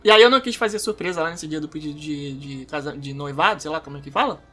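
A man in his thirties from Brazil, co-hosting a casual couple's chat and telling stories in an animated, self-mocking grumpy way. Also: on the high side, fast, soft background music. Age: 30s. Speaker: podcast co-host.

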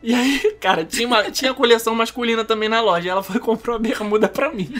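A man in his thirties from Brazil, co-hosting a casual couple's chat and telling stories in an animated, self-mocking grumpy way. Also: very high voice, quick pace. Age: 30s. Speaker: podcast co-host.

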